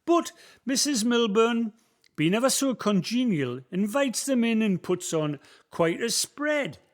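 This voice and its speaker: Billy, the guide character, is played by a Northumbrian-accented actor as an elderly local walking a visitor through the valley's past in a community radio play. His delivery is heavily acted, sing-song and unhurried, at an extremely high pitch. He spins folksy tales full of broad dialect words.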